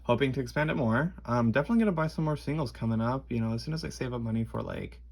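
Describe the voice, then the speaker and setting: A young man talks casually through a show-and-tell in a gravelly, husky voice with a noticeable lisp. He rambles and restarts, swearing freely as he goes. His pitch sits at an ordinary male level. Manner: rambling, halting, enthusiastic wording. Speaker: card collector presenting a collection.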